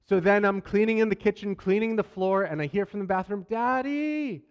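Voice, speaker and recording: Animated pastor telling a story in a reverberant church. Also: male voice, high voice, fast talker, clean tone, highs cut off. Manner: animated, self-deprecating humorous storytelling. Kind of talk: sermon storytelling. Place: church sanctuary. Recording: long church hall reverb.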